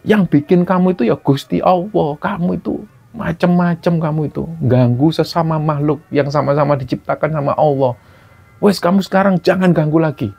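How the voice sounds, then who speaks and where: Guy doing a stern old healer, bossy and scolding, raspy voice, gravelly fry. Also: on the low side, a little fast. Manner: scolding, commanding. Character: elderly village healer, stern but kind. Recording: dull lo-fi recording.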